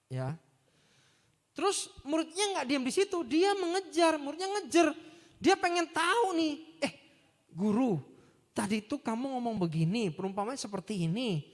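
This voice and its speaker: Lively man preaching in a reverberant hall. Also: high-pitched. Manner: animated, chatty, acts out quotes. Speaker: youth preacher. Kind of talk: lively youth sermon. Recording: long church reverb.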